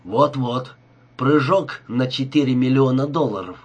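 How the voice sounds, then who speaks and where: Sneering crook, ironic, husky, man reading in an audiobook. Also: medium pitch, measured pace, highs cut off. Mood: scornful. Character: cold, scheming male crook, sarcastic.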